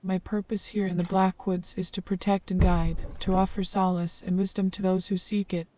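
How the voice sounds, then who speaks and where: A woman's voice: lowish voice, little pitch movement, normal speed, mellow, distant mic, natural voice. Synthetic female voice as a flowery old forest hermit. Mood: calm, flowery. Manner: ornate, long-winded, formal phrasing.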